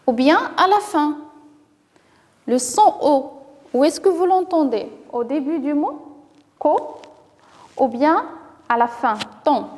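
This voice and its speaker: Slow, high-voiced woman teaching phonics. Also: in a large hall. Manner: slow, carefully articulated, drawing out words to model sounds; encouraging, with frequent praise. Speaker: primary school teacher. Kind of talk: reading lesson for young children.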